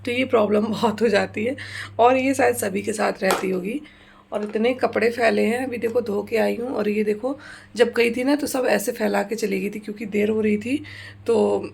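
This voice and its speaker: A woman's voice: medium pitch, creaky, breathy edge. A woman, chatting casually to viewers in a home vlog about her day and housework. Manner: chatty, relaxed, talks straight to viewers. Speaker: vlogger, homemaker and mother. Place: at home, indoors.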